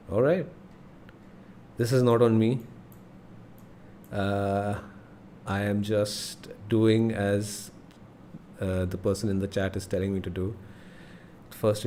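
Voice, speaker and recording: A man's voice: fairly low pitch, a little mellow. A young man with an Indian accent giving casual live game commentary, thinking aloud with frequent exclamations. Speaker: live streamer playing a geography guessing game. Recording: noticeable background noise.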